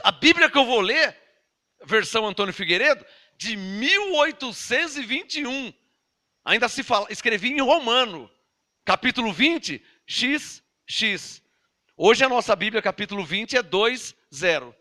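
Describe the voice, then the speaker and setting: A Brazilian pastor in his fifties preaches with a very high, strikingly bright voice. He repeats his points emphatically and keeps asking his listeners whether they follow. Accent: Brazilian Portuguese. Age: 50s. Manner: emphatic, repetitive, asks the audience questions. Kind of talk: Bible teaching sermon.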